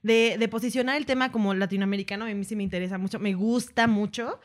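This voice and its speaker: Mexican woman in her 30s cohosting a podcast, slangy and lively, laughs a lot. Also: mid-range voice, quick pace. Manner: slangy, animated, laughs often. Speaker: podcast co-host. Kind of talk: casual chat.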